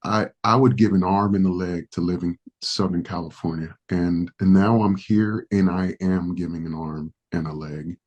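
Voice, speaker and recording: Speaking at a normal speed with few pauses, a Dominican pastor whose first language is Spanish appears as a podcast interview guest. His low-pitched voice is steady, a little mellow and breathy-edged, and the recording sounds muffled. He is earnest and reflective, with some hesitations.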